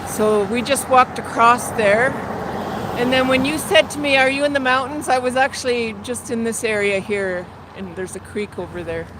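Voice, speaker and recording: Woman, 50s, from Canada, casual walking livestream, slightly out of breath, phone mic, loud street noise. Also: fairly high pitch, normal speed. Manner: chatty, rambling, talks to viewers. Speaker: livestream host. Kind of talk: casual chat while walking. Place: outdoors in a city, near traffic and train tracks. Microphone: phone held while walking. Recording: outdoor traffic noise.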